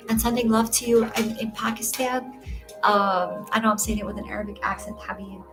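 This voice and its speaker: A woman's voice: fairly high pitch, steady tone, brisk, music in the background. A woman from Egypt doing tarot readings on a casual livestream, talking reassuringly to viewers and calling them dear. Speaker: tarot reader.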